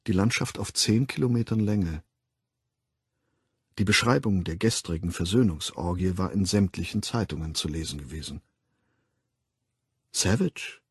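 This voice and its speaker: A man narrating an audiobook with a measured, dramatic, husky reading. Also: deep voice, a little mellow, dry recording. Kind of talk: scripted narration.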